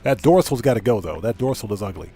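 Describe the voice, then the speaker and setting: Soft music plays behind a man whose fairly low, warm voice is animated and fast. As a live streamer and channel host, he chats casually while gaming, thinking out loud and reading chat and screen text aloud.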